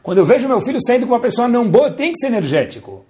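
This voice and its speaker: A man giving a Torah lesson as a lively storyteller, asking his listeners rhetorical questions. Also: very high-pitched, very fast. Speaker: religious teacher.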